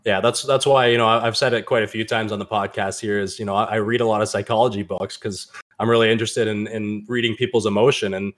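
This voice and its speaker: Fast-talking man on a trading podcast. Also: little pitch movement. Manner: fast, rambling, acts out quoted people in a higher voice. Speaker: podcast co-host. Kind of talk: casual trading podcast chat.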